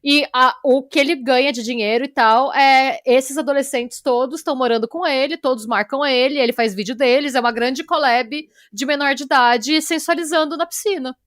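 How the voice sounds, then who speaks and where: Speaking at normal speed with barely a pause, a storyteller co-hosting a true-crime podcast chats in a lively, casual manner and sometimes drifts off with "sei lá." Her voice sits high, her accent is Brazilian Portuguese, and the studio-quality recording is dry.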